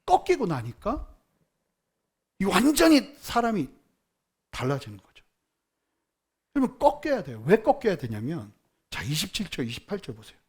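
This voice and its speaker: Lively high-pitched Korean pastor preaching. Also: male voice, moderate pace, pauses often, husky. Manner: emphatic preaching, voice swinging from low murmurs to loud outbursts; leads the congregation in unison Bible reading. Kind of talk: sermon.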